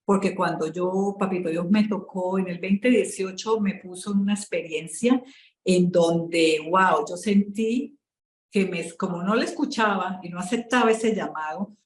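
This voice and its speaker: A Colombian woman, a spiritual coach, telling her story in an interview in an emotional, halting way, with many fillers and restarts. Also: fairly low pitch, echoey room, low-quality recording.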